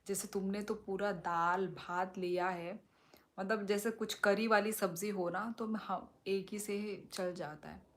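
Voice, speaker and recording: A young woman from Tripura chatting casually with viewers on her phone during a live stream, relaxed and sometimes dropping to a soft whisper. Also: medium pitch.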